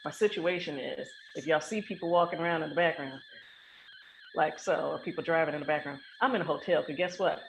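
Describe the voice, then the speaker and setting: An American woman hosts an unscripted, casual podcast, her low voice a little fast and her style playful, emphatic and colloquial. The audio is clearly noisy with ringing and the highs cut off, recorded in a hotel where people pass by behind her.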